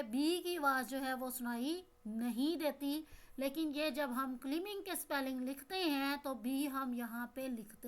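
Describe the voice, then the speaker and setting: A woman with a high, slightly bright voice and a Pakistani Urdu accent teaches young pupils an English lesson. She asks the class questions and repeats each word.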